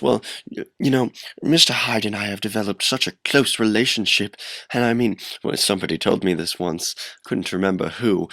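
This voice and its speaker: A man voicing a self-important, nervous gentleman doctor who stammers and protests evasively in a radio play. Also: fairly low pitch, dry recording.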